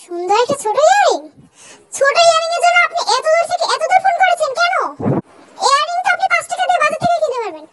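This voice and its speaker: Sassy bossy young wife voiced by a woman, very high voice, sharp quick retorts, comic fan dub, faint noise. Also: big pitch swings, full character voice, poor audio. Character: bossy young wife fielding angry phone calls.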